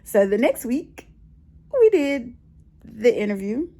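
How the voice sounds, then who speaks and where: Speaking slowly in a mellow, slightly high voice, a middle-aged American woman records a casual personal vlog in her bedroom. She is very animated, recounting her story expressively and circling back to repeat phrases for emphasis.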